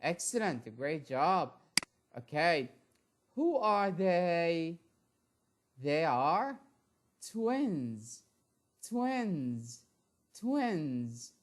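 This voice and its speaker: Woman teaching english sounds, super slow, says every word over and over, voice jumps up and down. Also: on the low side, sing-song. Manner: repeats each word slowly, several times over. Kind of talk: phonics lesson with drills.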